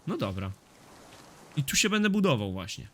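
A man casually narrating his own gameplay, cursing often and getting loud when the action picks up. His voice sits at an ordinary middle pitch. There is clear background noise under the recording. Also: normal speed. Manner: swears often, excitable reactions to the game. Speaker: gaming YouTuber. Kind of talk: casual let's-play commentary.

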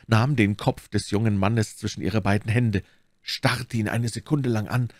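Male audiobook narrator, measured, expressive, low voice, dry close sound. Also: dry recording. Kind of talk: dramatic audiobook reading.

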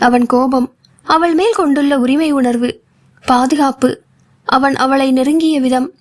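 A woman narrating a novel for an audiobook with a steady storytelling delivery. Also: high voice.

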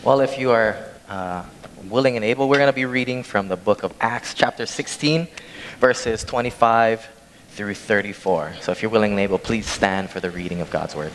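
A young man from Hawaii preaches in a large church sanctuary, his low voice carrying a long hall reverb over a faint hiss. He moves between reading scripture and telling a plain, conversational story from the stage, speaking into a handheld mic. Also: normal speed, a bit bright. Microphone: handheld microphone from a far camera.

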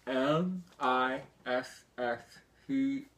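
Man talking through a mouthguard, slow, mushy slurred words, casual game chat, faint room noise. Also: medium pitch, a bit bright, distant mic. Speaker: player in a party game. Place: small room at home, around a table. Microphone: camera across the table.

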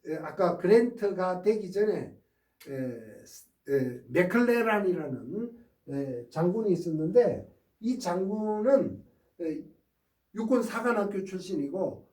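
A man's voice: sits high, darkish tone. A man giving a history lecture, speaking emphatically and often prodding his listeners with rhetorical questions. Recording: roomy sound from a distant mic.

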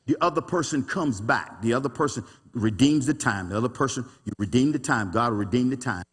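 A man preaching a sermon as pastor, animated and folksy, with call-and-response asides to his congregation. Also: medium pitch, fairly quick, slightly rough, long reverb tail. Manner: folksy, colloquial speech. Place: church sanctuary.

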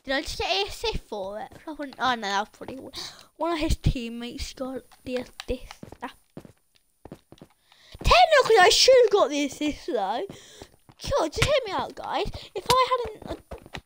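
Very high-voiced excitable woman gamer. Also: normal speed, slight background noise. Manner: excitable, frantic shouting and laughing. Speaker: gaming video creator. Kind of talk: let's play commentary.

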